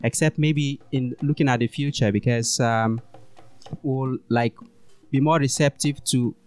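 A man's voice: mid-range voice, steady tone, unhurried, a little mellow. Guy from africa hosting a podcast, rambly questions, faint music under him. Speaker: podcast host. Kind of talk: casual interview.

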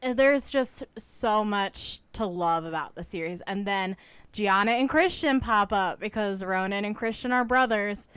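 A woman's voice: mid-range voice, unhurried, a bit bright, smooth, dry recording. A woman hosting a podcast, chatting casually about books and using many "like" fillers. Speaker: podcast host. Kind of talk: casual book chat.

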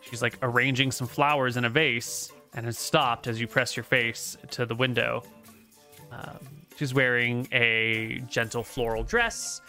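A woman narrates a tabletop game as its game master. The voice is bright and forward, casual and halting as the scene is made up, with faint music behind. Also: extremely low pitch, fairly even intonation.

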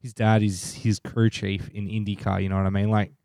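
Clear, low-voiced Australian man explaining casually. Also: little pitch movement, a little fast, darkish tone, dry recording, clean studio sound. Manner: informal, sweary. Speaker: podcast co-host.

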